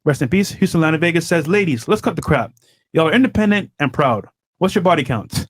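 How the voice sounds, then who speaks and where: A man's voice: a little high, lively intonation, fast, slightly rough. A man hosting a podcast panel, reading chat messages aloud and teasing the guests. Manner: loud, teasing, laughs often. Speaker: podcast host.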